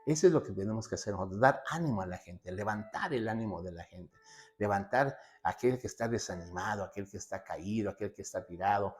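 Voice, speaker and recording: Male preacher, lowish voice, sermon that answers its own questions and repeats key phrases. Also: lively intonation, fast, faint music behind. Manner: asks himself rhetorical questions and answers them.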